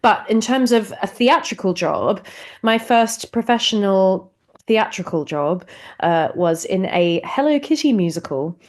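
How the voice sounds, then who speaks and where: A woman talks as a guest on a podcast, at a middling pitch. She is bubbly and expressive and laughs easily as she tells her story. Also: unhurried. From New Zealand. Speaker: actress and singer, guest. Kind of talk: casual interview chat.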